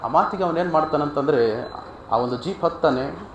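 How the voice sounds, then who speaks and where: A man's voice: a little high, expressive, normal speed, lo-fi sound. A male pastor preaching a storytelling sermon to a congregation in a church, emphatic and repeating key phrases, often asking the people questions. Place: church hall. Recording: echoey church hall, faint background noise.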